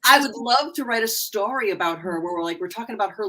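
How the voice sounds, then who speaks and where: A woman author talks casually over a video call, looping back and restarting her sentences as her thoughts wander. Her voice has a bright, sharp edge at an ordinary pitch. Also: lively intonation, quick pace, poor audio. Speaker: romance and mystery author.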